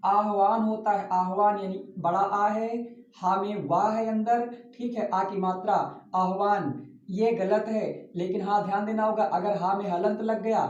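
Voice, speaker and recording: A male teacher gives a spelling lesson for exam students, repeating each word slowly to drill its correct form. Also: high voice. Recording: roomy, distant, dull lo-fi classroom recording.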